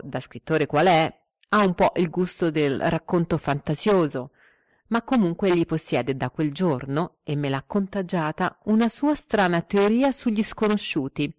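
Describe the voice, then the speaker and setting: A woman reading a literary story aloud in a measured, expressive way, giving the quoted dialogue some life. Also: on the low side, no room sound, clean studio sound. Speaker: narrator.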